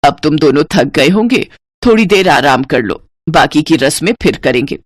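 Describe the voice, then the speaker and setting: A woman's voice: sits low, moderate pace, dry recording, studio quality, pitched below the performer's own voice. A woman voicing a kind older mother-in-law in a Hindi horror storybook, speaking in a soothing, motherly way. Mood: tender.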